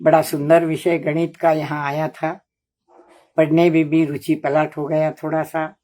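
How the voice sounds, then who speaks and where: A woman lecturing on a religious epic poem, explaining slowly and deliberately and repeating phrases for emphasis. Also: low-pitched, flat delivery, warm tone.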